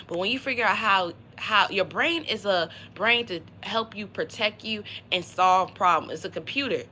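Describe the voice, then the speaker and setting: A woman's voice: mid-range voice, sharp tone, a little hiss or hum, rough recording. A woman giving a casual, motivational tarot reading on a livestream, talking in a slangy, conversational way. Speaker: tarot reader.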